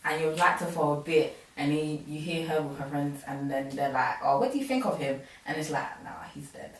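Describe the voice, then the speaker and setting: A seventeen-year-old girl, bringing up the topic on a teen panel in a brisk, animated way. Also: sits low, a little hiss or hum. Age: teens. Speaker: panel presenter. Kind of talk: casual panel discussion. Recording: echoey room, distant mic.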